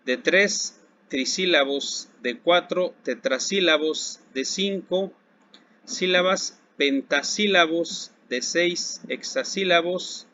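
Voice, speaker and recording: A man with a Mexican accent teaching a recorded Spanish lesson to secondary school students. He speaks slowly and deliberately, asking a question and then answering it himself. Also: fairly high pitch, bright, forceful tone. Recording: dull lo-fi recording with faint background hiss.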